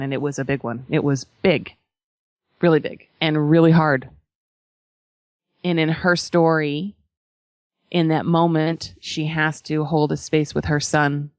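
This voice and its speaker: A woman spiritual teacher giving a conversational talk to followers, emphatic, pausing often and checking in with tag questions. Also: low-pitched, dry recording.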